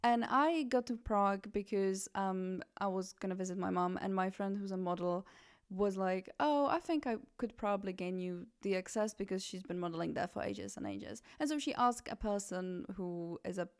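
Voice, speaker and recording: A Czech woman in her twenties, a fashion journalist hosting a podcast, talking casually in a chatty, animated way with many self-corrections. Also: medium pitch, normal speed, clean tone. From Czech Republic.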